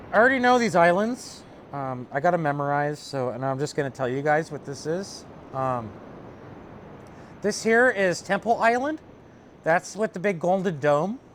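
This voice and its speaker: Higher-voiced man streaming a game. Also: a little hiss or hum. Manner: rambling, filler-heavy, chatting with viewers. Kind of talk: casual let's-play commentary.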